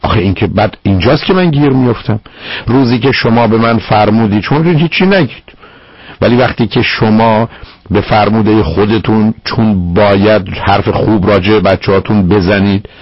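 Deep husky male radio counselor. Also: no room sound. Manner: firm, blunt, addresses caller formally. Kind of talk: advice call-in show. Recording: dull lo-fi radio broadcast.

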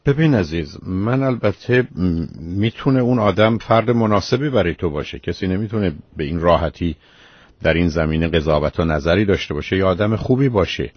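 A man's voice: low-pitched, lively intonation, no echo. A man hosting a radio advice call-in show, calling the caller by fond terms and questioning her closely. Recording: muffled lo-fi radio broadcast.

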